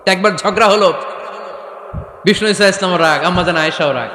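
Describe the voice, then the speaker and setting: A man preaching a lively waz sermon, asking the crowd questions and acting out voices, recorded through a PA system a lot of echo. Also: high-pitched, a little fast. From Bangladesh. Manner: animated, acts out voices, asks the crowd questions. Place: outdoor religious gathering with PA system. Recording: echoey, long reverb from the PA.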